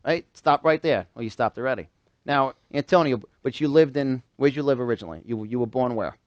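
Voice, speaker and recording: With an expressive mid-range voice and a slightly fast pace, a man from New York, United States, gives a motivational seminar to a small live audience in an event room. He is emphatic, repeating phrases and peppering listeners with questions; the audio is dull but free of echo.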